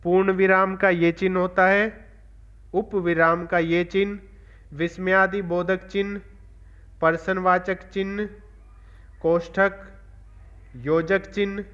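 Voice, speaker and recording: A man teaching a classroom grammar lesson, explaining slowly and repeating his examples. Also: sits high, little pitch movement, a bit bright. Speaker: assistant professor and teacher. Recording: dull lo-fi recording.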